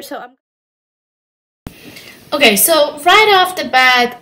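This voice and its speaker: A woman from Brazil explaining plant cuttings in a casual how-to vlog, chatty and self-correcting as she handles her plants at home. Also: medium pitch. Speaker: plant vlogger. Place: home room with plants and a humidifier.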